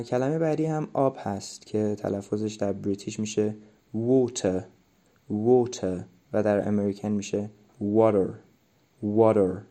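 A man's voice: lowish voice, dark tone. Patient man giving pronunciation feedback. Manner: patient, explanatory, hesitant with many fillers. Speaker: English pronunciation teacher.

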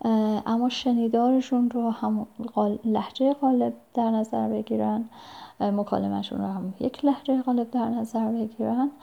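A woman sharing advice as a language learner, speaking hesitantly with many pauses and fillers, in politely formal phrasing. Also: a little high, fairly even intonation, creaky. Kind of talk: casual spoken advice. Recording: dull lo-fi recording.

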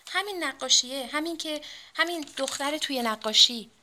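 Woman playing a pleading young male painter, high and bright. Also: slight background noise.

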